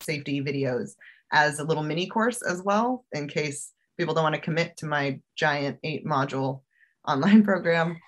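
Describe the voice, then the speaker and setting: A woman with a low-pitched voice speaks at a normal pace as a guest in a casual interview. She teaches self-defense and travel safety, and she comes across chatty and animated, full of fillers and laughter.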